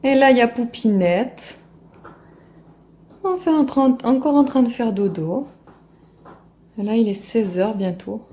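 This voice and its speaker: A woman's voice: on the high side, measured pace, long pauses, mellow, reverberant. A woman chatting casually to the camera in a home vlog, full of fillers and restarts. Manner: chatty, many fillers and restarts, fond baby talk to pets and baby. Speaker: family vlogger.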